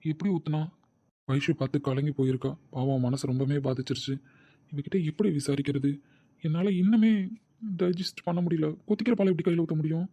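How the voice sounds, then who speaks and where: Man playing a protective older brother, mellow. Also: on the high side, fairly quick, dry recording. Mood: brooding. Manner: coaxing, reassuring, brooding when alone. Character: caring older brother and husband, troubled and protective.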